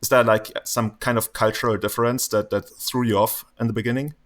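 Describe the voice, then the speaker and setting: A man's voice: medium pitch, fairly even intonation, a little fast. Upbeat male podcast host. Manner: upbeat, inquisitive, chatty. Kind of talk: casual conversational interview.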